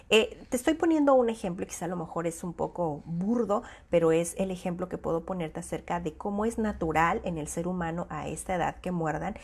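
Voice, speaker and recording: A woman child psychologist talks to parents in an easy, conversational way. Her voice sits a little low. She keeps building her explanations from everyday examples. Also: darkish tone, breathy edge. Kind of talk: informal talk to parents.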